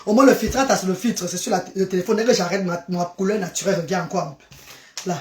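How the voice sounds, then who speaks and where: A woman chatting in a casual live stream, animated and exclamatory, jumping from one topic to the next. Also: medium pitch, quick pace, slight background noise. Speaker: social media live streamer. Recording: roomy echo.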